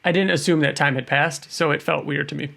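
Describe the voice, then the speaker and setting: A man's voice: fairly high pitch, steady tone, a little fast, gravelly, a bit bright. A man co-hosting a podcast, chatting loosely about a TV episode with lots of fillers and restarts. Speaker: podcast co-host. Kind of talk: casual chat.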